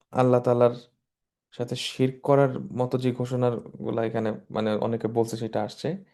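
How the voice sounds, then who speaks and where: A man gives an online lesson on Quranic Arabic. His voice is dark and mellow at an ordinary pitch. He breaks each verse down word by word and mixes English grammar terms into his explanations. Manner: slow, measured recitation of verses.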